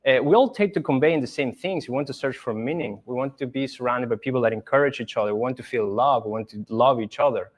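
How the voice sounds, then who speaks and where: A man's voice: medium pitch, quick pace, few pauses. A young man from Argentina speaking English as a podcast guest, thoughtful and earnest, with some hesitant restarts. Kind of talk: casual conversation.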